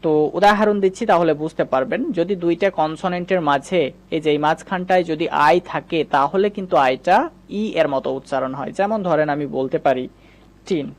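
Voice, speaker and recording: A man's voice: on the high side, fairly quick. A man teaching English spelling sounds in a patient, step-by-step spoken lesson, repeating each rule. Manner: patient, repetitive, explains step by step.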